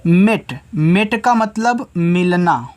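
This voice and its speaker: A man with a Hindi accent leads a children's English phonics lesson. He spells words out letter by letter at a slow, careful pace. He asks a question and then answers it himself, again and again. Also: high voice, animated.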